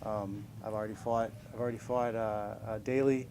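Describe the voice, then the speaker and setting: Speaking in a lowish, level, slightly mellow voice, a man in his forties who fights professionally answers press questions briskly. He keeps it casual and upbeat, chuckling and cracking self-deprecating jokes, with a little hiss or hum in the audio.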